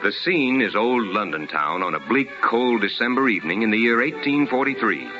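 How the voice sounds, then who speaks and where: An American announcer and host with a lowish voice speaks animatedly and a little fast. His delivery is emphatic, formal, and scripted in the polished fashion of 1950s radio, where he also reads for the sponsor. The audio is a dull old radio broadcast with music.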